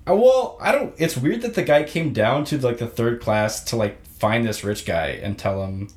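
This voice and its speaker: A man in casual chat about a show he saw, rambling and halting with many fillers and restarts. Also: mid-range voice, expressive. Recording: echoey room.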